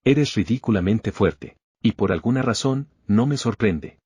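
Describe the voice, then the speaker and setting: A man's voice: lowish voice, expressive, a little slow, slightly rough, no room sound. Xia Bin Bin, a man reading a hurt young woman. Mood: weak. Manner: soft, weak. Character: injured young woman, gentle and admiring.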